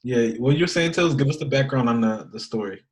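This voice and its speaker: A man's voice: mid-range voice, lively intonation, a little fast, a little mellow, rough recording. A man co-hosting a podcast in casual chat, talking thoughtfully and often trailing off or restarting his thoughts. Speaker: podcast co-host.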